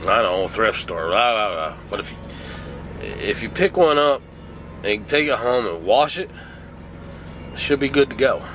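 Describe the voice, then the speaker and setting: A man's voice: lowish voice, expressive, measured pace, long pauses, over music. A middle-aged man, sick and groggy as if hungover, talks casually in a folksy, plainspoken way as a truck driver vlogging. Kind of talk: casual vlog talk. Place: truck cab.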